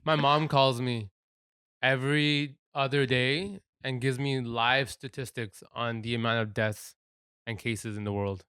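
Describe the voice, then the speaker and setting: Young male co-host, mid-pitched, laid-back jokey banter, dry close mic. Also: steady tone, measured pace, fairly bright tone, clean tone, no room sound. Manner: laid-back, joking, swears freely. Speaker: podcast co-host. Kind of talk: casual chat.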